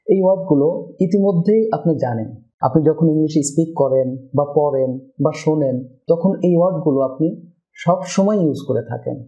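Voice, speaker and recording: A man giving a scripted pronunciation lesson, often addressing the viewer directly and slowly repeating each word for practice. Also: a little high, mellow, muffled recording. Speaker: English pronunciation teacher.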